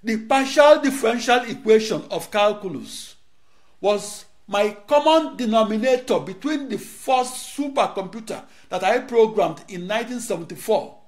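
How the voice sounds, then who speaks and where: In a studio, a middle-aged Nigerian man whose native language is Igbo gives a rehearsed lecture, declaiming short phrases separated by dramatic pauses. His voice is high-pitched, picked up on a lapel mic.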